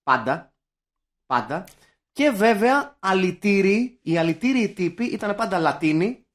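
A young man from Greece trades casual banter on a podcast. His voice sits high and swings up and down as he launches into jokey, profane rants. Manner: animated, swearing, jokey rants. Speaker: podcast co-host. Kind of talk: casual chat.

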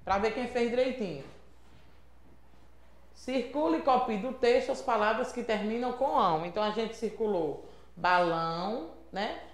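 A woman's voice: on the high side, moderate pace. A woman from Brazil with a Sergipe accent teaching a remote lesson to young children, prompting patiently and checking in often. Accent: Sergipe Brazilian Portuguese. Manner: patient, sing-song teacherly prompting with frequent checks like "certo?". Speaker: primary school teacher. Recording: echoey room.

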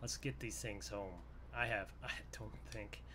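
Over loud truck engine sounds from the game, a gaming video host offers casual, folksy commentary in roleplay, thinking aloud as he plays. His voice is fairly low, steady and measured in pace.

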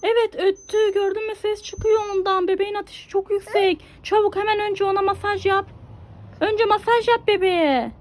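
A woman's voice: very high-pitched, steady tone, moderate pace. A mother coaxing her toddler through a pretend doctor game, giving instructions and exclaiming often.

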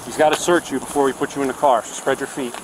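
Brief: mid-pitched male cop, brisk and plain-spoken, noisy body-cam audio. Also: fairly even intonation. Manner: brisk short orders, then casual recounting. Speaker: police officer. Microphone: own body camera.

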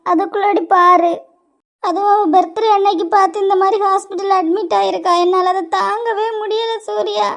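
A woman's voice: very high voice, steady tone, normal speed, a bit bright. A woman voicing a distraught young cartoon woman who is strained and upset, with a Kanyakumari Tamil accent. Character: distraught young woman grieving for her friend. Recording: dull lo-fi recording.

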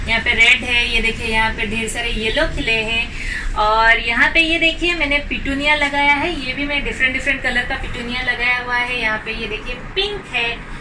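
A home decor vlogger in her thirties gives a chatty, cheerful video tour of her small apartment balcony garden, slipping English words into her narration. Her voice is on the high side, and a slightly distant camera mic catches background noise and faint outdoor ambience.

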